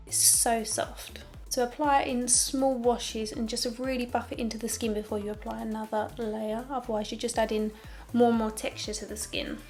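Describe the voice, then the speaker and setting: Young woman, slightly high voice, casual tutorial chat, candid and wry, faint music underneath. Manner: chatty, candid, with sarcastic asides. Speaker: makeup tutorial host. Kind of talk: casual makeup tutorial narration.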